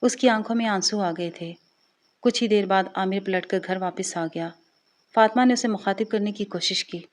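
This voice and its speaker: A woman storyteller narrating an emotional family drama with a steady, expressive reading. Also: medium pitch.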